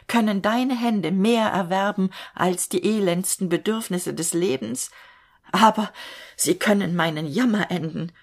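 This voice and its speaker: A woman voicing a wild, greed-crazed male fisherman who shouts in frenzy. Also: medium pitch. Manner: frantic, shouting.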